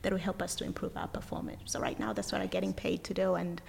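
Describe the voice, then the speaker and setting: A woman from Uganda, a guest talking casually in an interview, energetic and thoughtful, often restarting her sentences. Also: on the low side, fast, creaky, breathy edge, in a large hall.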